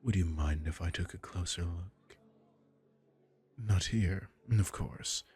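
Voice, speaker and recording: A man plays an arrogant, aristocratic vampire lord in an ASMR audio roleplay, murmuring slowly in a low, menacing, seductive voice. The tone is mellow, with faint music in the background.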